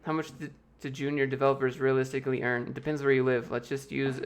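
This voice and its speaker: An American YouTube host with a medium-pitched, level voice runs a casual livestream Q&A from a room at home, speaking into a desk mic. He reads chat questions aloud and answers offhand, loose and joking, tossing in quick jokes between replies.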